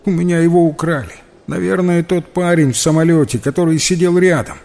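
A man's voice: on the high side, brisk, creaky, darkish tone, big-room sound, pitched above the performer's own voice. A man voicing a lost, upset little boy who rambles anxiously in a storybook reading.

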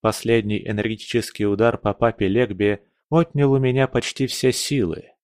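A man narrating a fantasy audiobook in a measured, dramatic reading. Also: fairly low pitch, a little mellow, no room sound, studio quality.

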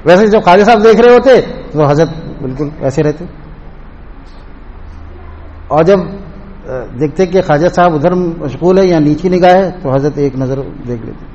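A man's voice: fairly high pitch, long pauses, warm tone, lo-fi sound, a little hiss or hum. A man giving a storytelling sermon in a mosque, acting out the people in his anecdotes and sometimes singing a couplet. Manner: storytelling with acted quotes and a sung couplet. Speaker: religious teacher. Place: large mosque. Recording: long hall reverb.

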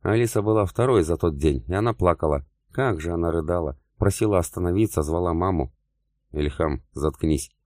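A man narrating an audiobook in the first person, steady and measured. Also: sits low, dry recording, studio quality.

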